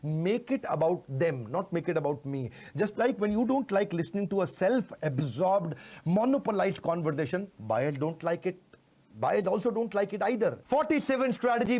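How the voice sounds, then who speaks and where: A middle-aged man delivers a lively sales lecture in a high, energetic voice. He hammers home key phrases by repeating them slowly and deliberately. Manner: animated, repeats key phrases slowly for emphasis, mixes Hindi and English. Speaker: sales trainer.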